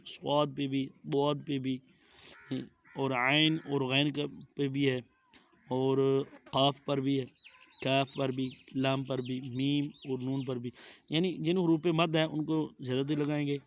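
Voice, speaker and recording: Slow, flat-voiced Pakistani Urdu teacher. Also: male voice, medium pitch. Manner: drawn-out careful letter pronunciation, monotone delivery. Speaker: Quran reading teacher. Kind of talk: slow methodical recitation lesson.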